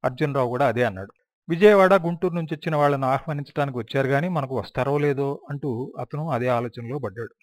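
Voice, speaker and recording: A man's voice: medium pitch, no echo, studio quality. A man reading a first-person memoir aloud as an audiobook, in a reflective storytelling manner. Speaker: audiobook narrator.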